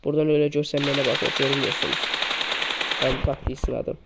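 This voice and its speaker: His delivery is flat and fast as he walks friends through mobile shooter tips in a casual screen-recording tutorial. The poor microphone leaves heavy noise from gunfire and clicks, and he demonstrates every tip more than once.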